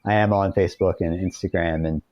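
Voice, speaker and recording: A middle-aged American man, a guest author in a conversational interview, explains things earnestly in a low, steady voice at a brisk pace. The call audio is dull and lo-fi, with a roomy echo.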